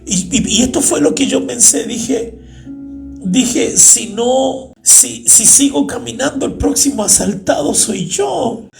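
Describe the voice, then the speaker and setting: A man preaching a sermon, telling a dream with rising emotion and loud cries. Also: very high-pitched, slow pace, gravelly, soft background music. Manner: emotional, builds to shouting and crying cries. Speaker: pastor.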